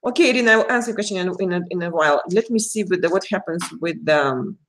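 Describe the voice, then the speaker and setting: On a live stream, a tarot reader with a Russian accent, whose native language is Russian, talks casually with her audience. She speaks fast in a fairly low voice, addressing viewers by name and laughing frequently.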